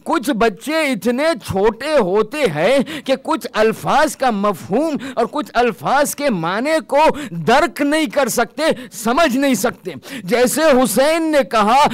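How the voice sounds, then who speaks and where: High-voiced man preaching a mourning sermon. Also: dry recording. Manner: impassioned, crying out in grief.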